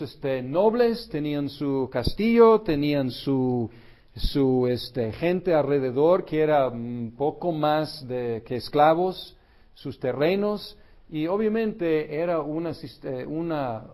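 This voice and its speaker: A man's voice: fairly high pitch, warm tone. A man teaching church history in an unscripted lecture, thoughtful, with many fillers and self-corrections.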